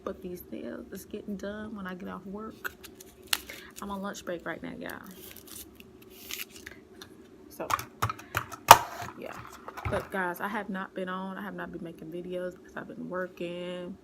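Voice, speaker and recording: A young woman vlogger chatting casually in a soft, whispery voice, calling her viewers y'all during a mukbang. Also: fairly low pitch, level tone, unhurried, creaky, pauses often, very noisy.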